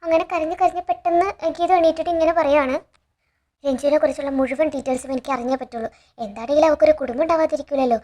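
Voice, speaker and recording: A woman's voice: high-pitched, steady tone, very fast, mellow. A woman casually retelling a TV serial episode in a chatty way, quoting the characters' lines and adding frequent tag words. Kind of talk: casual storytelling recap.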